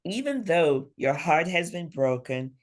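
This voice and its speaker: Deep-voiced and very animated, this woman speaks unhurriedly as a guest author in an interview. She tells stories with plenty of expression, playing out imagined lines of dialogue as she goes.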